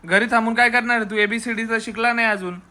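A man's voice: very high-pitched, steady tone, quick pace, bright, forceful tone. A man filming a family vlog at home, coaxing and teasing a small child in casual talk. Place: home indoors.

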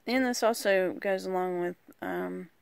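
A woman casually walking through a deck of oracle cards, rambling and hesitant with lots of pauses. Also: on the low side, gravelly, clear, resonant tone, no room sound. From rural United States. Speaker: vlogger. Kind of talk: casual card walkthrough.

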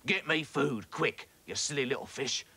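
A man's voice: medium pitch, moderate pace, bright, forceful tone, breathy edge, voice pushed up. Lazy bully octopus, bossy and demanding, voiced by a male narrator. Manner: bossy, greedy.

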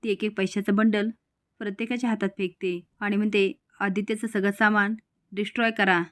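A woman's voice: medium pitch, level tone, a little fast, a bit bright, dry recording, clean studio sound. Woman narrating a serial recap. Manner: reads every character's lines in her own voice. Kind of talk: storytelling recap with quoted dialogue.

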